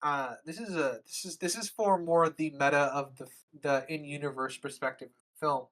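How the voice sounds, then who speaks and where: This is a podcast co-host with a middle-pitched voice, chatting casually about a film. The talk often breaks into laughter and speeds up into quick, stumbling bursts. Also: fairly bright tone. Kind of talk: casual chat.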